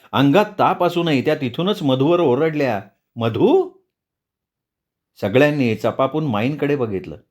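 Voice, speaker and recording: A male storyteller reads a novel aloud at a medium pitch. His delivery is measured and expressive, in the manner of an audiobook narration.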